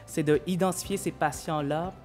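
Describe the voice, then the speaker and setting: A man's voice: fairly high pitch, steady tone, normal speed, darkish tone, soft background music. A man from Vietnam, a pediatric hematologist and researcher, giving a prepared thank-you speech with many fillers and restarts.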